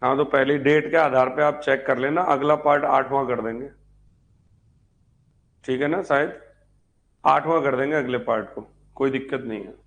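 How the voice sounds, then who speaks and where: A man teaching an online history exam-prep class speaks at a moderate pace in a steady, medium-pitched, slightly bright voice, pausing often. Throughout the live lecture he repeats points, quizzes students and chats with them.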